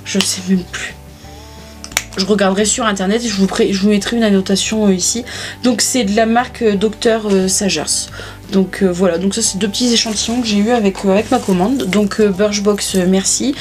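A woman's voice: mid-range voice, steady tone, brisk, over music. A woman, chatting casually to camera about her beauty purchases, with lots of hesitations and restarts. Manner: chatty, many fillers and restarts. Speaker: beauty vlogger. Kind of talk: casual haul chat to camera.

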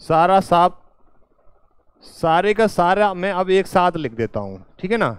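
A man teaching a class at a board, speaking slowly, repeating each point and answering his own questions. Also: high voice, very animated, clean tone, no echo. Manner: slow and repetitive, quizzing students with questions and answering them himself; calls the viewer "beta" and "my dear".

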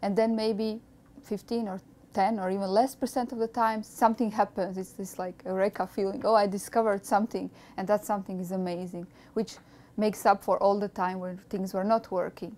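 A woman in her thirties from Croatia with a Croatian accent, a postdoctoral researcher speaking in a measured, thoughtful way with frequent hesitations, recorded on a lapel mic in a small lab office. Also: medium pitch, steady tone, darkish tone. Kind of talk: documentary interview.

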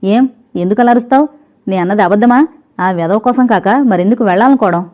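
A woman's voice: mid-range voice, fast, a little mellow, close to an everyday voice. A woman voicing a jealous, harsh-tongued husband. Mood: angry. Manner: harsh, accusing, raised voice. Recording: dull lo-fi recording.

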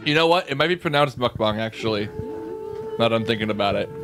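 A man's voice: mid-range voice, animated, quick pace, music in the background. A man in the band chatting on a livestream, rambling through stories and asking questions. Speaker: band member. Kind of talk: casual chat on a livestream.

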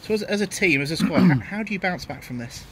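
Fast-talking male club interviewer. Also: high-pitched, lively intonation. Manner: rapid, leading questions. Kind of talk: post-match interview questions. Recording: outdoor noise behind.

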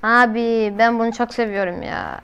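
A woman's voice: a little high, fairly even intonation, normal speed, a bit bright, clear, resonant tone. A woman doing casual, slangy reaction commentary as a video host, often exclaiming.

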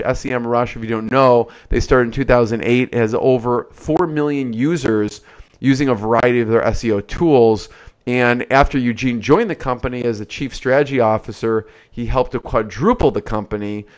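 A man's voice: mid-range voice, clear, resonant tone. A man in his forties hosting a podcast, introducing and interviewing in a conversational way. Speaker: podcast host. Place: indoor studio or office, on video call. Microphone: large desktop microphone, close.

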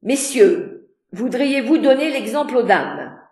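A woman reading aloud and playing a brusque, commanding middle-aged gentleman who gives clipped, forceful orders. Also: fairly high pitch, very animated, slow pace, pitched above the performer's own voice, heavily acted. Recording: roomy echo.

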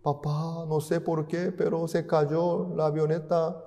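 A man voicing a frightened five-year-old boy left alone, speaking in a high, tearful, pleading voice, with long hall reverb. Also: little pitch movement, slow pace, warm tone. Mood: scared.

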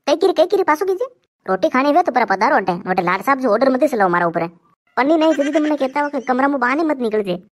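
A woman's voice: on the high side, a little hiss or hum. A woman with a Rajasthani accent voicing comic cartoon banter between characters. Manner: quick bantering comic delivery. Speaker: cartoon comedy voice actor.

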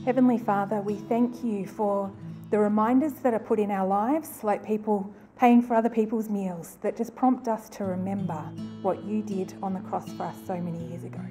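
A woman leading a spoken prayer in an earnest, steady way. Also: mid-range voice, moderate pace. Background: guitar music.

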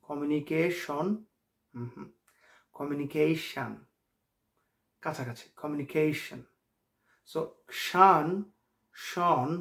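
A man with a Bangladeshi accent teaching English pronunciation, stretching example words out slowly and dropping in casual jokes. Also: a little high, creaky. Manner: slow, drawn-out example words; casual, joking asides. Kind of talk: pronunciation lesson.

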